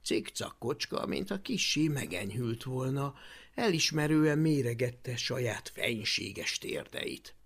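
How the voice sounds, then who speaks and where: An audiobook reader narrating a children's story in an animated, expressive way. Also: mid-range voice, vocal fry, breathy edge.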